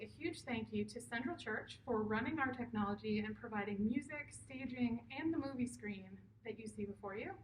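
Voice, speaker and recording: A woman's voice: on the high side, fairly bright tone. A woman giving a formal welcome and thank-you speech as board chair, addressing a drive-in audience over a PA. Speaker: board chair opening an event as speaker. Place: public event at a drive-in movie night. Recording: echoey, distant PA sound with faint noise.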